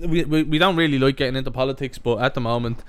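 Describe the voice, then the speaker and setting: A man's voice: medium pitch, rapid-fire, smooth. A young man with a Dublin accent in casual podcast chat, sweary and colloquial, often repeating himself as he gives opinions. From Dublin, Ireland. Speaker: podcast co-host.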